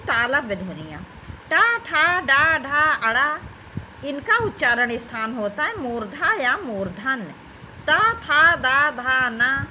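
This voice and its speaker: Lively slow-paced woman teaching grammar. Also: sits high, slight background noise, low-quality recording. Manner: addresses students warmly as children, reads options aloud. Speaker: Hindi teacher. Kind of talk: exam-prep grammar lesson.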